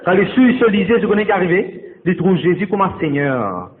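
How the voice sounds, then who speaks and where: Briskly and in a high, sing-song voice, a man preaches a sermon in church, weaving English words into what he says. He calls out to the congregation directly, repeating and exhorting, and the recording sounds tinny with church hall echo.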